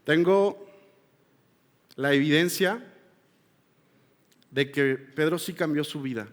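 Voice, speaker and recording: A man preaching a sermon, moving between loud appeals and hushed, confessional passages. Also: fairly high pitch, takes it slowly. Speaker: pastor. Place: church hall. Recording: long hall reverb.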